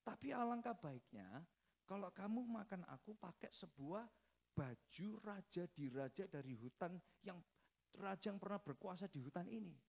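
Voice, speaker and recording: A man voicing a cornered, crafty deer that flatters a tiger, in a fable told during a sermon. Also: high voice, moderate pace, vocal fry, exaggerated voice.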